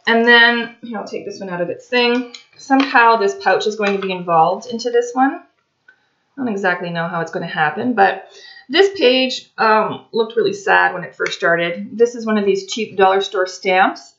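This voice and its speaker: This forties-aged craft and tarot vlogger has a slightly raspy, somewhat bright voice at a medium pitch and normal speed. She rambles chattily, full of fillers, while casually showing her craft journal pages at home. The desk webcam in her dining room, next to a china cabinet, gives slightly dull lo-fi audio.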